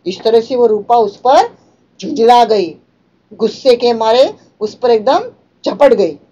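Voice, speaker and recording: A woman's voice: fairly high pitch, slow, dark tone, highs cut off. A woman teacher reading out a story and explaining each line in simpler words.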